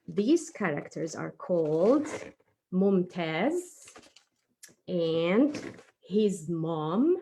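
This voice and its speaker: Talking live with children, an Egyptian woman who teaches preschool and tells stories introduces herself, then shares a tale full of playful explanations and questions. Her voice is medium-pitched and a little mellow, with slight background noise.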